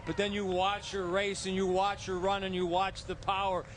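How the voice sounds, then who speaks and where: A man's voice: high-pitched, completely flat delivery, normal speed, a bit bright, a little hiss or hum. A man working as a sports anchor, delivering live race commentary. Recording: broadcast with music behind. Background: clear music.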